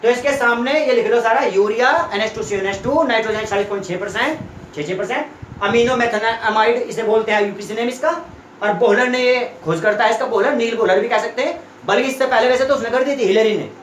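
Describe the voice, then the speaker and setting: A man's voice: extremely high pitch, fairly quick, fairly bright tone, slight background noise. A young man tutoring students in a classroom, explaining chemistry step by step and often checking that they follow. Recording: echoey room.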